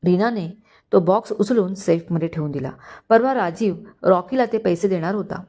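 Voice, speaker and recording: A woman's voice: on the low side, normal speed. A woman storyteller reading a romantic family story aloud in scripted narration. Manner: even, expressive storytelling.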